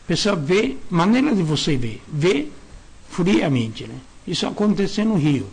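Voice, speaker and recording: A reverend giving an earnest sermon-style lecture, speaking in short broken phrases, repeating key words and tagging sentences with questions. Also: male voice, sits high, very animated, a little slow, darkish tone, husky.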